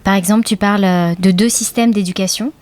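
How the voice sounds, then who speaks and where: A woman hosts a casual interview with a voice of middle pitch. She asks her questions haltingly and often murmurs along while her guest talks. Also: steady tone, darkish tone, dry recording. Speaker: interviewer, host.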